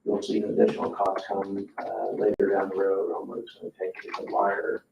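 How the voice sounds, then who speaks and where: This man, a town staff member, addresses a board indoors in a public meeting room, explaining informally and at times stumbling over his phrasing. His voice is deep, creaky and totally flat, and he speaks fairly quickly. The recording is muffled and echoey, with hiss and a distant mic.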